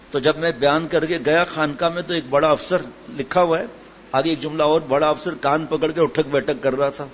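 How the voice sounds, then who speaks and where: A middle-aged man giving a sermon and telling a humorous story, acting out the voices of the people in it. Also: on the high side. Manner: storytelling, acts out quoted voices. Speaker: Islamic preacher. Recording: dull lo-fi with faint hiss.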